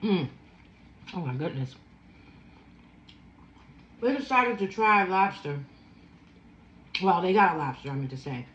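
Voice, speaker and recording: A woman's voice: lowish voice, expressive, reverberant, muffled recording. A woman in her fifties with a Philadelphia accent, chatting casually while eating a seafood boil and savoring each bite. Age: 50s. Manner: slow, savoring, chatty with food sounds. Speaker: food vlogger.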